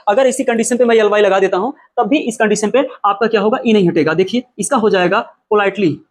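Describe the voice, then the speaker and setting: A man teaching an English spelling lesson, who asks his own questions, answers them and repeats every point. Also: extremely high pitch. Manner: spells out words letter by letter.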